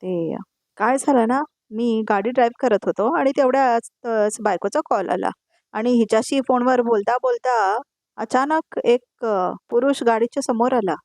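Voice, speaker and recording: A woman's voice: on the high side, normal speed, darkish tone, no echo, lightly acted. A woman voicing a playful husband who fakes an accident, read plainly in her own voice for a serial recap. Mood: teasing. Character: man, a husband faking an accident as a prank.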